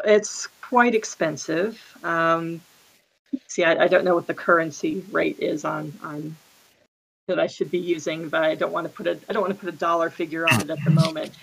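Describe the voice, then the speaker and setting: A woman's voice: low-pitched, fairly even intonation, normal speed, vocal fry, a bit bright, a little hiss or hum, rough recording. A woman playing a tabletop game, speaking in character in an earnest, hesitant way with many fillers. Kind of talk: in-character role-play.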